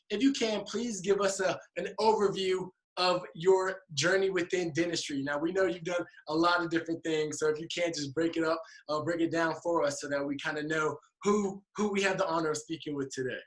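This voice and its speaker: Polite young-sounding interviewer, slightly high voice. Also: male voice, brisk. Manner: friendly and polite, asks questions. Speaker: co-host interviewer.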